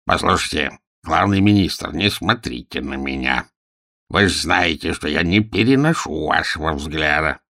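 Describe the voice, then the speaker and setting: A man doing a rumbling, toad-like fat minister. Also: expressive, a little slow, creaky, sharp tone, dry recording, clean studio sound, exaggerated voice. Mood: irritated. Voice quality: rumbling chesty.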